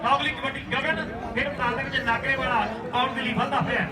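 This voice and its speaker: A man with a very high-pitched voice and a Punjabi accent calls a rural kabaddi tournament in a declamatory style. He weaves in thanks and folk couplets, repeating lines for emphasis. His voice echoes from far off across a crowded outdoor ground. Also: steady tone, fast talker, over a noisy crowd. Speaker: kabaddi match commentator and announcer. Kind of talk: rural tournament commentary mixed with thank-yous and recited folk verse.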